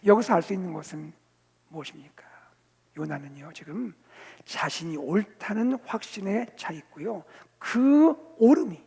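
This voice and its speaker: A male senior pastor preaching a sermon, telling the story vividly, rising to loud emphasis and dropping to near-whispers. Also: fairly high pitch, moderate pace, creaky, breathy edge. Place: church sanctuary. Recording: long reverb of a church hall.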